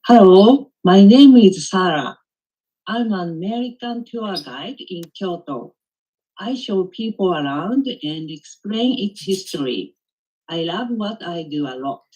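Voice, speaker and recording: Slow husky woman reading aloud. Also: mid-range voice, animated, mellow, low-quality recording. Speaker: pronunciation student. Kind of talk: reading a short text aloud.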